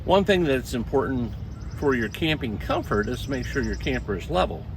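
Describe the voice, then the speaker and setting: A man in his sixties talks outdoors in a folksy, conversational vlog style, giving practical instruction. His voice sits at a medium pitch, and outdoor noise is clearly audible around him. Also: big pitch swings, moderate pace. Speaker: RV camping vlogger. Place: outdoors beside a parked camper.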